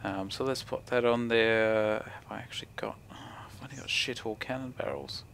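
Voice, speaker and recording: In a room at home, a young New Zealander with a broad accent commentates on his gaming for video, thinking aloud in a laid-back, slang-filled way with mumbled asides. His medium-pitched voice is gravelly yet fairly bright, steady and moderately paced, with a little hiss or hum.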